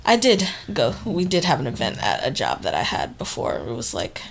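A woman's voice: a bass voice, moderate pace, vocal fry, slight background noise. A woman co-hosting a podcast, chatting casually and telling rambling stories with frequent laughter. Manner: laughing, rambling, animated storyteller. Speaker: podcast co-host. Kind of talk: casual chat.

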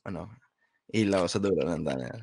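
A man's voice: deep voice, lively intonation, fairly quick, vocal fry, a loud crowd. A Filipino man co-hosting a talk show with casual banter in short interjections. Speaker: co-host.

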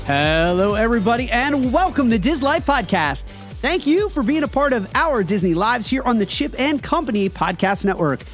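A man's voice: extremely high pitch, big pitch swings, moderate pace, soft background music. A man hosting a podcast, moving between upbeat announcing and casual chat. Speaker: podcast host.

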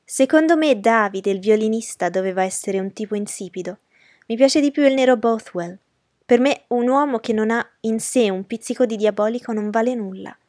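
For an audiobook, a woman reads aloud as a haughty young noblewoman who mocks and commands with scorn. Her voice is on the high side and a little mellow at normal speed, lightly acted, recorded in studio quality with no echo.

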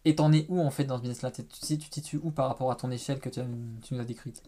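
A man's voice: medium pitch, fairly even intonation, rapid-fire, dark tone. A man with a faded trace of a Quebec accent, chatting casually and rephrasing himself as he goes. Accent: French with a faded Quebec trace. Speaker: interviewer. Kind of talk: casual conversation.

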